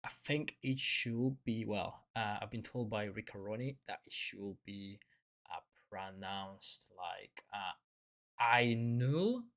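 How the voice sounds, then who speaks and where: A man's voice: fairly low pitch, steady tone, slow pace, a bit bright. Chatty man streaming a game. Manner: chatty, rambling with fillers and self-corrections. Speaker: gaming streamer. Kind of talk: casual live-stream commentary.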